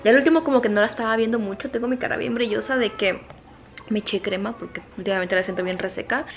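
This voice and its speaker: A young woman, rambling to camera in a casual vlog at home at night, keeping her voice low while others sleep. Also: fast. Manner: chatty and rambling, with many fillers. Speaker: vlogger.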